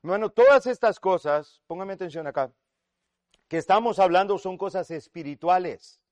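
A man preaching a sermon, swinging between loud declarations and hushed asides and speaking to each listener as "brother". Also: high-pitched, moderate pace, no room sound. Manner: acts out quoted voices in retold scenes.

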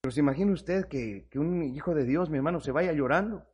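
A man preaching a sermon, swinging between loud urgent peaks and low hushed lines, acting out quoted voices as he goes. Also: fast talker, slightly rough, highs cut off.

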